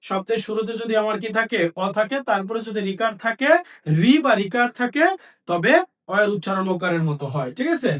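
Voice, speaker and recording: A man's voice: sits high, fairly quick, a bit bright, distant mic. A man teaching a language lesson, asking questions and then answering them himself, repeating each key point. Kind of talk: Bengali grammar lesson.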